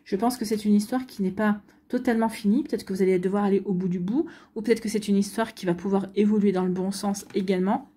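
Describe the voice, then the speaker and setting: A woman gives a tarot reading and talks directly to her viewers. Her voice is mellow and dark with a husky edge. She speaks hesitantly, with many fillers and restarts. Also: mid-range voice, steady tone, fast, few pauses. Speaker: tarot card reader. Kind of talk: spontaneous tarot reading to camera.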